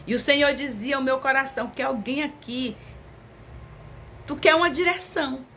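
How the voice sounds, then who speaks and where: Woman preacher, fairly high voice, close conversational sermon, faint hiss behind. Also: fairly bright tone. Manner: intimate, conversational preaching with drawn-out emphatic phrases.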